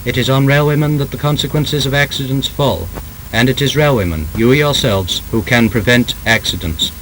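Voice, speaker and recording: Narrating an old training film, a British man speaks with the emphatic, scripted formality of 1930s instruction, his measured mid-range voice fairly bright in tone. The rough soundtrack has a faint rumble beneath it.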